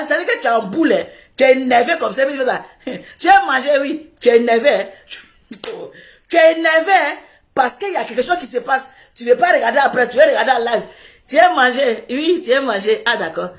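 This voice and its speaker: A woman's voice: high voice, a bit bright. A woman, telling a comic story and acting out little scenes while laughing through her words. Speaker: social media commentator.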